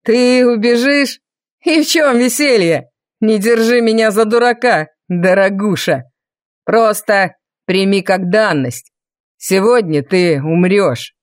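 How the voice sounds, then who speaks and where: A woman's voice: mid-range voice, slow pace, no echo, clean studio sound, close to an everyday voice. A woman voicing a sneering villainous viscount. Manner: sneering, taunting. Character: cruel mocking male viscount, menacing villain. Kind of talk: audiobook character voice.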